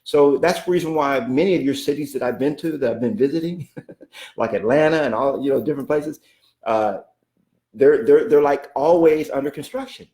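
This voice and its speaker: A real estate coach speaks at a moderate pace in a warm, mid-range voice, his words echoing in the room. It's an emphatic, repetitive motivational talk, with frequent "okay?" check-ins and preacherly references to God.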